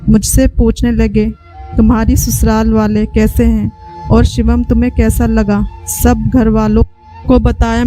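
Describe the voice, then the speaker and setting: A woman narrating an emotional first-person story in a calm, measured way. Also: a little high.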